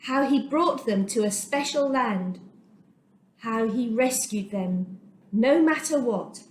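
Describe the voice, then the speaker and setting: Reading aloud a Bible story for children, this woman speaks in a fairly high voice with lively intonation, giving her lines dramatic, deliberate emphasis. The room echoes, and faint background noise can be heard.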